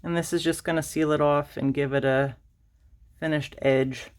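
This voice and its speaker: A woman's voice: low voice, steady tone, moderate pace, darkish tone. A woman hosting a casual craft tutorial, rambling and self-deprecating with lots of fillers and restarts, a little out of breath. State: slightly out of breath. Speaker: crafting channel host.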